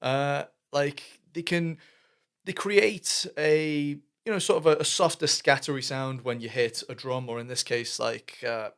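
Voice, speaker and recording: A young British man hosts a reaction video, offering casual commentary over faintly playing music. His voice is a little high, a bit bright and smooth, with fairly even intonation and a slightly slow pace. He thinks aloud with lots of fillers and restarts.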